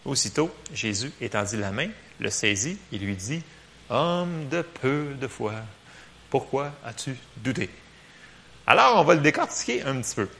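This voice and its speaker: A man with a Québécois French accent, preaching a casual sermon in a church, lively and joking, full of fillers. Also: medium pitch, vocal fry, a little hiss or hum.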